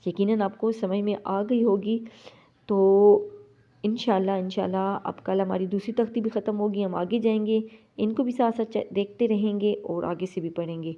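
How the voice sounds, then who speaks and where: Patient female reading teacher; stretches sounds to demonstrate, mid-pitched, muffled lo-fi recording. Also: fairly even intonation. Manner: patient, drawing out single letters slowly to demonstrate. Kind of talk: step-by-step pronunciation lesson.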